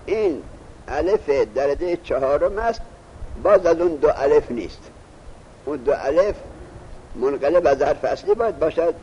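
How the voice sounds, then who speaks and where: A man's voice: a little high, a little mellow, slightly rough. A male teacher giving a classroom lesson, reading a text aloud, then explaining it and quizzing his students. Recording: muffled lo-fi recording with faint hiss.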